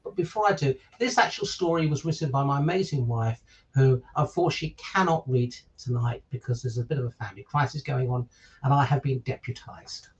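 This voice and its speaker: On a virtual call and distant from the microphone, a man with a mid-range voice reads a picture book to children fairly quickly, filling in for the usual reader. He breaks in with chatty remarks and questions to his audience, and the audio is lo-fi.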